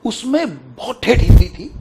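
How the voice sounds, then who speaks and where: A man's voice: extremely high pitch, unhurried, background noise. A middle-aged man from Kashmir, an actor and broadcaster animatedly recalling his career in an interview and acting out old conversations. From Kashmir, India. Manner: animated storytelling, acts out quoted exchanges.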